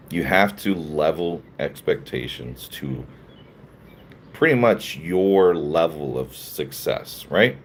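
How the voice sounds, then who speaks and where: A sleepy man hosting a live stream, reading chat and riffing casually, laughing often between jokes. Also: low-pitched. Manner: laughs often, loose and joking, answers chat. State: sleepy, yawning. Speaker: livestream host reading chat.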